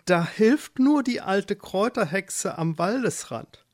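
A storyteller voicing a shy, hesitant female flamingo who speaks softly, for a children's storybook. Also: mid-range voice, lively intonation, slow pace, dry recording, studio quality, pitched above the performer's own voice.

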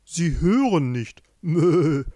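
A man voicing a slow-witted male ram who bleats loudly between words. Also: fairly high pitch, lively intonation, no room sound, studio quality, heavily acted. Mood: puzzled. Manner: bleating, loud. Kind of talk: fairy-tale reading.

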